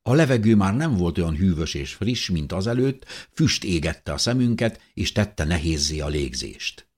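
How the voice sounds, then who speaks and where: Deep, husky male audiobook narrator. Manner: expressive storytelling. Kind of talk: scripted first-person narration.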